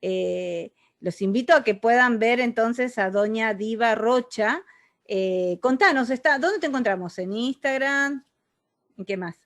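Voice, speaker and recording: An interview host with an Argentine accent keeps a casual conversation going, chatty and agreeable with frequent assent. Her voice is a little high, unhurried and a bit bright, recorded in studio quality with no echo.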